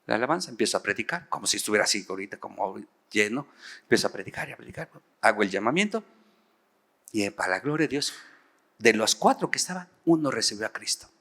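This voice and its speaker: Man, middle-aged, Mexican accent, storytelling sermon, animated, crisp bright tone, long echo of a large church. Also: fairly low pitch, quick pace. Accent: Mexican Spanish. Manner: lively, animated, talks straight to the congregation. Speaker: pastor.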